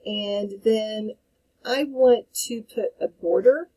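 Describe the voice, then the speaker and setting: Woman instructor, mellow and slightly husky, calm step-by-step tutorial delivery at a desk mic. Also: mid-range voice, slow, rough recording. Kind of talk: screen-recorded software tutorial.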